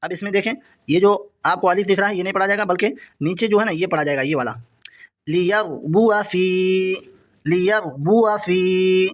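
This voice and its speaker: A man teaching Quran reading, drawing out each example word slowly and then explaining it quickly and repetitively. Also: sits high, fairly bright tone. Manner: reads example words slowly and drawn out, then explains rapidly; repetitive, patient step-by-step pointing. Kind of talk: explaining a lesson.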